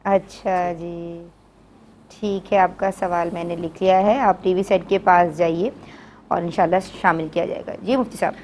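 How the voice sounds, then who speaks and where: A woman's voice: lowish voice, fairly even intonation, a little mellow, a little hiss or hum. Polite woman hosting a religious TV show. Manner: polite, brief acknowledgements, formal greetings. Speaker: host.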